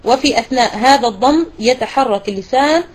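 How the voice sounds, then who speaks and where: A woman teaching a tajweed lesson to women students, explaining step by step and slowly repeating words to demonstrate pronunciation. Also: fairly high pitch, husky, rough recording. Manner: praises and questions students. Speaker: Quran recitation teacher.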